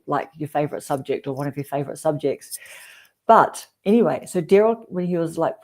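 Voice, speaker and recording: A woman's voice: low-pitched, warm tone. A woman in her forties with a New Zealand accent, hosting a casual livestream chat and telling rambling stories with lots of fillers. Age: 40s. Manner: chatty, rambling storyteller with frequent fillers. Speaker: livestream host.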